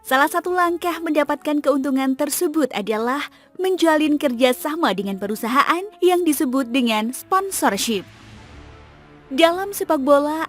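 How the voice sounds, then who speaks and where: A woman narrating a scripted football explainer in a steady, informative read-aloud delivery. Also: sits high.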